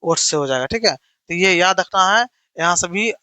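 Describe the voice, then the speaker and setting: A man's voice: high-pitched, animated, normal speed, sharp tone. A man teaching a grammar lesson for exam prep. He repeats key points, keeps checking whether students follow, and asks and then answers his own questions. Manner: repetitive, keeps checking "theek hai na".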